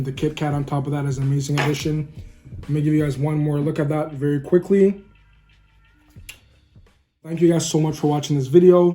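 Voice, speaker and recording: A man talks through a home cooking vlog in an upbeat, chatty way, pausing to taste and savor as he goes. His voice sits a little high but sounds soft and mellow. Faint music plays underneath. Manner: upbeat, keeps calling viewers "guys". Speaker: food vlogger. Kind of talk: casual cooking vlog with tasting.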